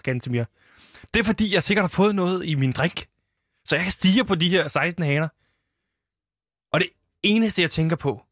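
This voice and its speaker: A man telling an absurd story in deadpan style, rambling and laughing at his own tale. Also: a little high, slightly rough, no echo, studio quality. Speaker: storyteller in comic interview.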